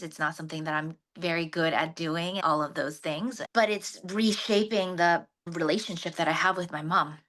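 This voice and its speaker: A woman's voice: fairly low pitch, pushed and bright. A woman sharing earnestly and reflectively in a women's circle, often restarting mid-thought. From grew up in the US, born in Japan. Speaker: panel participant.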